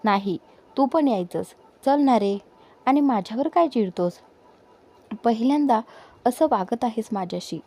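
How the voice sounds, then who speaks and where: A woman voicing a friendly young man who talks in a casual, coaxing way to a close friend, with a mellow tone. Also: fairly high pitch, animated, measured pace, pauses often.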